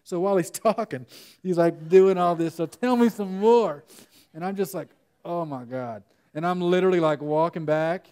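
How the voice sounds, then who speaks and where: A young man giving a lively conference workshop talk, telling funny stories to the room. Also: fairly high pitch. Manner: animated storytelling, jokes with the audience. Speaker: workshop speaker. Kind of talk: conference breakout presentation.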